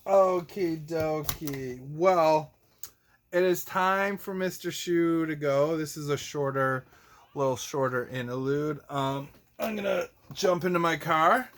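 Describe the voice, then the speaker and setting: A slightly high, somewhat bright male voice takes it slowly here. The speaker, a children's show host and teacher, casually chats with kids about toys, being goofy and theatrical and letting out silly exclamations.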